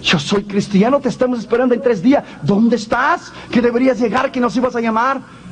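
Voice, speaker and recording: A man's voice: extremely high pitch, fairly even intonation, fairly quick, voice pushed up. A blunt, imposing secret police agent, as a male preacher puts him on questions in a direct voice. He speaks in short, pointed lines. It is heard within a sermon story.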